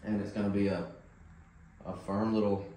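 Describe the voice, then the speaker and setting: A low-pitched man talks through a dog training session in a casual, explaining way, often checking in with "right?". He is picked up from across a very echoey room, with faint noise behind him. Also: normal speed. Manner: relaxed, explanatory, lots of "like" and "right?". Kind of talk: casual instruction. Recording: very echoey room, mic at a distance.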